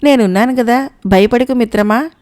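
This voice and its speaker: A woman voicing a calm, brave young hero. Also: fairly high pitch, moderate pace, close to an everyday voice. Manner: steady, reassuring talk.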